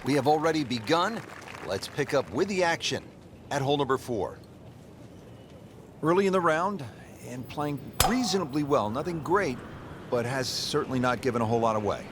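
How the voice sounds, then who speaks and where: A man anchoring live golf commentary in a measured play-by-play delivery. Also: mid-range voice, lively intonation. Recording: noisy outdoor crowd ambience behind voice. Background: crowd and outdoor ambience.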